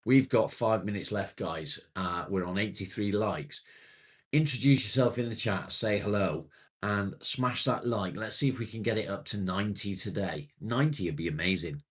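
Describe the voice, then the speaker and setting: A man's voice: lowish voice, moderate pace, breathy edge. A man in his late forties hosting a casual livestream, chatting matily with viewers and swearing now and then. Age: 40s. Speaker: livestream host. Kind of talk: casual live chat reading viewer comments.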